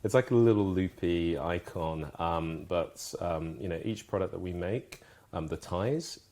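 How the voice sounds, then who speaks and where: A man from Ghana who grew up in the UK, a brand co-founder talking through his products in a casual interview, thoughtful and halting with many restarts. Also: sits low, mellow. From Ghana, raised in the UK from age five.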